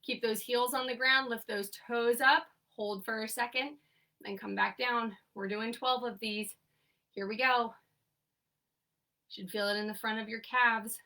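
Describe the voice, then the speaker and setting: Recorded from a distance, a young woman coaches a remote seated exercise class from home, counting repetitions out loud with brief, upbeat prompts. She's a little high-pitched, steady in tone and a little slow, with a bright, forceful delivery.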